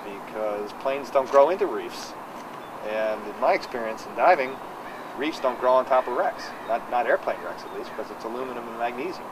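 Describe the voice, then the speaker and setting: Male diver, mid-pitched, matter-of-fact, distant outdoor recording with noise. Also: normal speed. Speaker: scuba diver. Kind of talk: casual interview answers.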